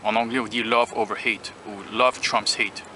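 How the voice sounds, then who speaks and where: His voice is fairly low and steady, pushed and bright, at normal speed. An American food-tasting vlogger, he eats outside by a beach near rail tracks while filming himself on a phone or handheld camera, chatting casually, musing self-consciously and restarting his sentences often. Traffic and vehicles are audible outdoors.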